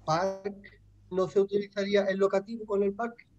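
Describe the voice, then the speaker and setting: A man's voice: high voice, level tone, normal speed, muffled recording. A man taking part as a student in an online class, tentatively asking questions and checking his answers. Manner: tentative, asks for confirmation.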